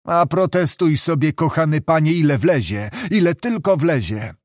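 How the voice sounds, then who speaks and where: A man's voice: a little high, expressive, normal speed, a little mellow, dry recording, clean studio sound, voice pushed up, close to an everyday voice. A man voicing an irritated, condescending older male director of a health resort. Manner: testy, condescending.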